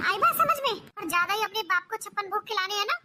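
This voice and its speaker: Woman doing a bossy mean mom, really high pitched, noisy background. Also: lively intonation, quick pace. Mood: scolding. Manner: bossy, scolding. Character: domineering older mother-in-law, harsh. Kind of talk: family drama acting.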